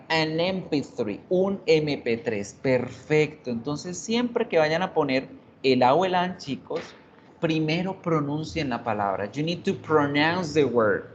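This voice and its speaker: A woman teaches basic English over a video call, explaining slowly and patiently. Her audio is dull and lo-fi, with faint hiss behind it. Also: a bass voice. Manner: explains patiently, mixing Spanish and English, checks in with "right?" and "¿sí?". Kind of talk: online class lecture. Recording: dull lo-fi online class audio.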